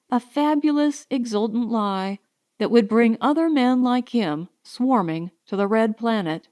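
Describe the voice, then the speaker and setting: A woman narrates a science fiction short story as an audiobook, in a measured, carefully enunciated storytelling style. Her voice is on the high side and a little mellow.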